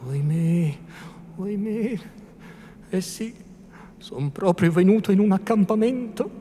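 Timid, anxious old priest, put on by a male reader; fussy, hushed scolding, faint noise of a large hall. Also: high-pitched, takes it slowly, pitched above the performer's own voice. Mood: frightened. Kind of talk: theatrical literary reading.

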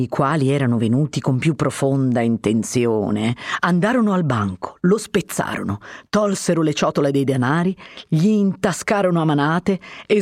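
Measured audiobook narrator, dry sound. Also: mid-range voice, no room sound. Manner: steady, measured storytelling. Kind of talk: literary audiobook reading.

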